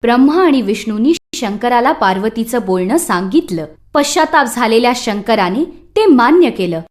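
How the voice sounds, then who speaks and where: A woman with a high, highly animated voice narrates a scripted children's myth at normal speed. Her storytelling is dramatic and expressive.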